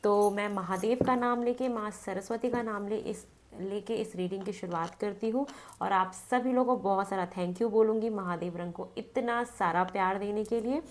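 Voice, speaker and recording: A tarot card reader from North India, nursing a cold and a stuffy nose, does a casual reading for the camera. She speaks at normal speed in a mid-range voice, chatting away, repeating phrases, and chanting between cards.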